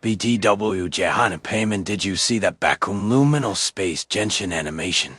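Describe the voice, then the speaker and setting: A man's voice: sits low, animated, normal speed, fairly bright tone, slightly rough, no room sound. A synthetic male voice reading out livestream chat messages.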